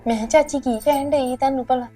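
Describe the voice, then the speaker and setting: An actress playing a young wife who speaks to her husband in a soft, coaxing, pleading way. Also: high voice, fairly even intonation, fast, faint music behind. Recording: distant from mic.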